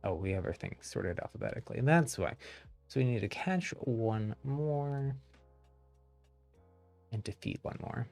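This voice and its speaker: Creaky, animated male streamer wearing a retainer. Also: medium pitch, measured pace, pauses often, faint music behind. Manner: rambling, thinking aloud. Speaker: game streamer. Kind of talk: casual live game commentary.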